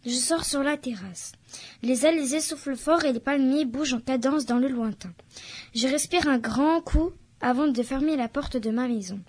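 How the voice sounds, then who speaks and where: A woman's voice: sits high, moderate pace, darkish tone, slightly rough. A woman reading a novel excerpt aloud in French, carefully and unhurriedly, lifting her voice for the quoted lines. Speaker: reader.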